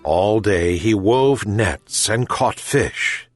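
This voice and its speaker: A man reading a children's fable aloud as a narrator. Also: soft background music. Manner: slow, gentle, very lively pitch. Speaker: reader. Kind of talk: storybook narration.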